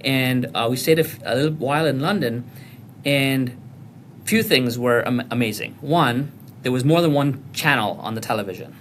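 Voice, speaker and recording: Casting note: middle-aged man born in Kenya, podcast guest, mid-pitched, thoughtful and halting, faint rumble underneath. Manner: thoughtful, many restarts and fillers. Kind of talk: reflective conversational answer.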